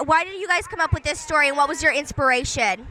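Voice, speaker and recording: A teenage girl working as a kid film critic interviews filmmakers on the red carpet. Her voice is high, quick and sharp-toned, and she is enthusiastic and gushing with praise, leaning heavily on filler words.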